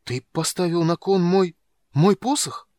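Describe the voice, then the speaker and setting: A man voicing a frail young male wizard who speaks in trembling, shrill outbursts. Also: lively intonation, moderate pace, no echo, studio quality, close to an everyday voice. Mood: panicked.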